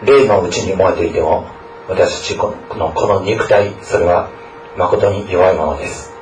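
Low-voiced guy preaching to students, earnest, kinda far from the mic, echoey room. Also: measured pace, slight background noise. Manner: earnest, often adds a questioning tag to sentences. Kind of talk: scripture reading, prayer and sermon.

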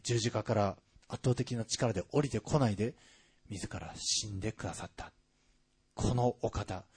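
A man's voice: on the low side, darkish tone, slightly rough. A man preaching a sermon, speaking expressively with frequent rising emphasis and conversational asides to the congregation. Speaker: pastor.

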